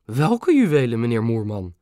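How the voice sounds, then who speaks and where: A man reading a storybook aloud, voicing a bold, quick-witted grandmother with a brisk, wry and slightly theatrical way of talking. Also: a little high, very animated, dry recording, clean studio sound, voice pushed up. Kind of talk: storybook audiobook acting.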